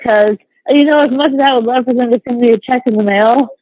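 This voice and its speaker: A woman's voice: fairly high pitch, fast talker, no echo. A woman chatting informally over a prison phone call, talking as a friend to an inmate. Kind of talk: casual personal phone chat. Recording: dry, tinny prison phone line.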